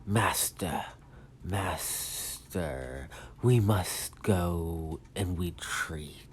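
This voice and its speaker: A man voicing a formal, solemn male villain underling who speaks slowly and stiffly. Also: deep voice, lively intonation, slight background noise, full character voice.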